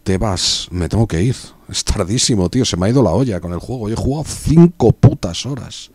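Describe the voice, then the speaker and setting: A man's voice: lowish voice, animated, a little fast, darkish tone, breathy edge, dry recording. A young man with a Spain Spanish accent, chatting casually and joking with his chat while streaming a strategy game. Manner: joking, chatty, reads chat aloud and riffs on it.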